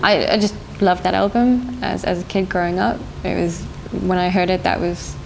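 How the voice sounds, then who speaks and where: This rough recording, with faint noise behind it, captures a young band singer from South Africa at normal speed. Her lowish voice is gravelly. She pauses to think, hesitates over her interview answers, and laughs frequently.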